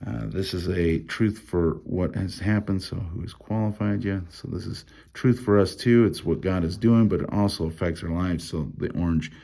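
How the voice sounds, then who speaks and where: A man leading a casual Bible study, reading verses aloud and thinking out loud about how to mark them, with lots of fillers and restarts. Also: low voice, moderate pace, vocal fry, few pauses. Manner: reads scripture aloud between comments.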